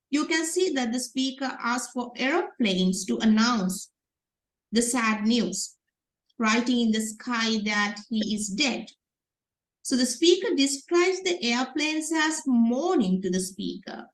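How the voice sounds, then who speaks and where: A woman's voice: on the high side, roomy sound, poor audio. A woman giving an exam revision lesson on a poem, explaining step by step with frequent fillers and restarts. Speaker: literature teacher.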